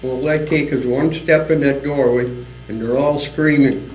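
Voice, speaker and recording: A man's voice: medium pitch, fairly even intonation, a little slow. An older man, a former school board member, giving folksy, anecdotal remarks at a public meeting. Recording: roomy, dull community TV audio.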